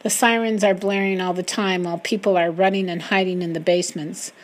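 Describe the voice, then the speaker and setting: A woman's voice: lowish voice, steady tone, fairly quick. Woman reading a wartime memoir emotionally. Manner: emotional, rising loudly in quoted speech. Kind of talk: first-person memoir reading.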